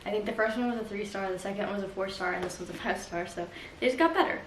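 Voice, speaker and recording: A woman's voice: medium pitch, fast, faint music behind. A young woman vlogging casually at home, gushing and bubbly about what she reads. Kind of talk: casual chat. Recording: roomy home audio with faint ambience.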